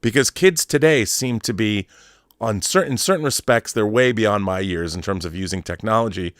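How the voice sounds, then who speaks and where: Speaking at a moderate pace in a lowish voice, this American show host in his fifties riffs casually and with strong opinions about pop culture. He's emphatic and nostalgic, repeating phrases for emphasis, and the recording is dry and studio quality.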